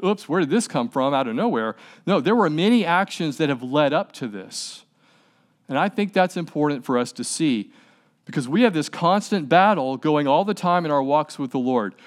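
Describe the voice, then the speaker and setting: A man preaching a sermon in a conversational way, asking rhetorical questions and repeating words as he stresses his points. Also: a little high. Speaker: pastor.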